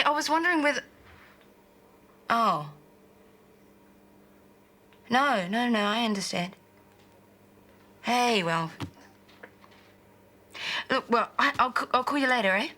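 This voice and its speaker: A woman's voice: a little high, pushed and bright, full character voice. An actress playing a young woman who is chatty but hesitant on the phone. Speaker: young woman phoning a friend. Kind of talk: television soap drama.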